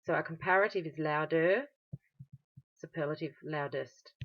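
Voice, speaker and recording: Australian female language teacher, low-pitched voice, patient explainer, recorded lesson on a dull lo-fi recording. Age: adult. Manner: patient, explanatory, with frequent "um" fillers. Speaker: German teacher.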